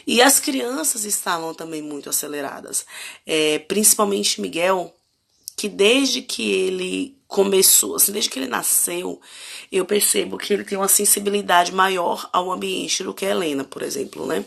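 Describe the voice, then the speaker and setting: Brazilian woman with a gravelly voice. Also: medium pitch, moderate pace. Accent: Brazilian Portuguese. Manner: reflective, asks the audience many direct questions. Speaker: parenting educator hosting a live stream. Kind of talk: casual live-stream talk to viewers.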